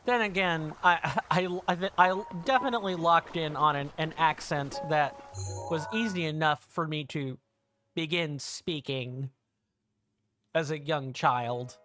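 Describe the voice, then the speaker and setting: An American streamer in their thirties chats casually during a let's-play, rambling, correcting themselves and musing aloud. The voice is medium-pitched, fairly bright and a little slow, with soft music in the background.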